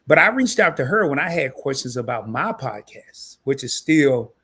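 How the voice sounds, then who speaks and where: Hosting a casual live stream interview, this man talks at a moderate pace in a mid-range, slightly rough voice that sounds a little scratchy tonight. He's animated and slangy, laughing and joking at his own expense.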